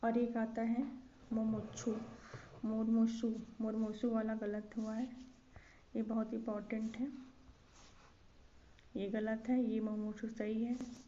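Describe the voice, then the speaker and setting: A young woman teaches an exam prep lesson in a mellow, slightly high voice, keeping a level tone, a slow pace and long pauses. Each word gets repeated again and again as she weighs wrong spellings against correct ones. Faint background noise sits under slightly dull lo-fi audio.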